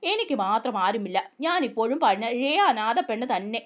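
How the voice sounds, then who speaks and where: A woman's voice: high-pitched, expressive, a little fast. A woman reading the lines of a teasing, orphaned young woman in a told story, in a chatty way. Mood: wistful. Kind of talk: storytelling dialogue.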